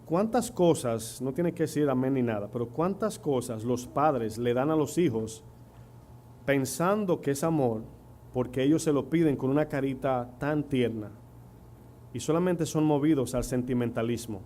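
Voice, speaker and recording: In church, a middle-aged Dominican pastor delivers a sermon in his Dominican Spanish accent, with a warm, mid-range voice at normal speed. He weaves in stories and asks the congregation rhetorical questions, over a faint hum and noise.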